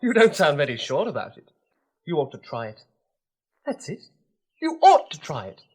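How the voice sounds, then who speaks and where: A wry, playful young prince. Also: male voice, on the high side, very animated, normal speed, husky. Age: young adult. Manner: wry, playful and well-spoken. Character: kind young prince, bored with royal life. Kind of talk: storybook record acting.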